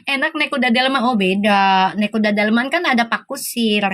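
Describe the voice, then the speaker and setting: High, bright-voiced teasing woman. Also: normal speed. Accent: Sundanese-flavored Jakarta Indonesian. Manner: teasing, laughing, playful banter. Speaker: live-stream tarot host. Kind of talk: casual live-stream chat with viewers.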